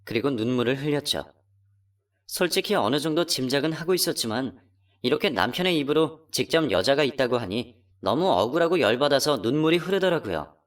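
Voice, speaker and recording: A woman plays a betrayed wife who tells her own story in a radio drama. Her pitch swings widely as she accuses and pleads. The mic sits a little distant. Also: expressive, fairly quick. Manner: emotional, accusing, pitch climbing when upset. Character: betrayed wife, hurt and furious. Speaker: narrator and voice actor. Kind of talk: first-person radio drama narration.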